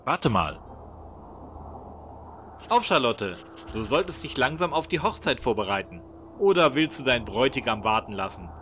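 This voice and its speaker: A man voicing a brisk, confident young hero in a fan-made game mod, matter-of-fact. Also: mid-range voice, very animated, bright, forceful tone, slight background noise.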